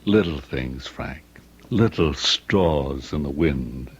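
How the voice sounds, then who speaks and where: An actor playing a sly, cynical, needling older uncle in an old-time radio drama, deliberate and insinuating. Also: male voice, rumbling low, expressive, breathy edge, heavily acted. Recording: dull old radio recording.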